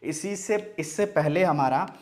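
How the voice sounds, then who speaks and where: Young male tutor, slightly high voice, patient question-and-answer drilling. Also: a little mellow, a little hiss or hum. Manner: drills words slowly, asks and answers his own questions. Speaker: Hindi teacher. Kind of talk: classroom-style lesson.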